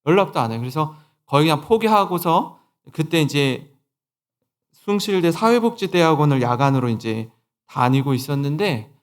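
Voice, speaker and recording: In a church sanctuary, a pastor in his forties from Seoul, South Korea, preaches a sermon built around a story from his own life, acting out its conversations with quoted dialogue. His voice is a bit high for a man, and his pitch swings widely as he drives points home with lively emphasis.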